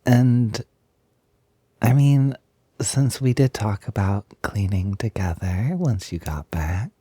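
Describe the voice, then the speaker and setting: A young man uses a husky, warm, lowish voice with lively intonation, speaking slowly with no echo. He performs an intimate one-sided roleplay, seemingly improvised, as an eager, playful, feminine male roommate who chats and coaxes with hesitation.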